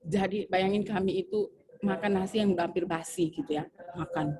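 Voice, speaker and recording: A woman teacher, telling a personal story in a chatty, animated way during a training session. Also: medium pitch, brisk. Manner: animated, chatty, full of fillers. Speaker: civil service trainee.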